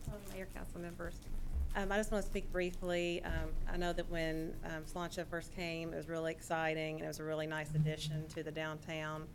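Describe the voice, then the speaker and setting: A woman addresses a city council during public comment, her voice low and flat. She speaks in a halting way, full of fillers. A faint hum of the room sits behind her. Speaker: resident giving public comment.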